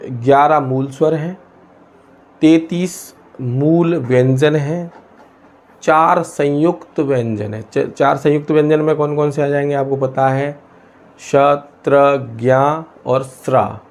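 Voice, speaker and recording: Hindi teacher, self-questioning lesson. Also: male voice, on the high side, steady tone, slow pace, darkish tone. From India. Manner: asks and answers his own questions, many hesitations. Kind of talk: explaining a lesson.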